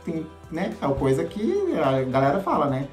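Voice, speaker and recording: A man's voice: a little high, huge pitch swings, moderate pace, darkish tone. A man hosting a casual gossip commentary, chatty and sarcastic, often asking for agreement. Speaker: gossip channel host. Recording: echoey room with faint music.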